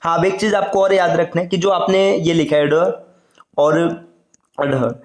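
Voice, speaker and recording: A man's voice: fairly high pitch, steady tone, echoey room. A man teaching an online exam-prep lesson, explaining step by step and stretching out sounds as he goes. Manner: explains slowly, drawing out sounds and repeating "है ना".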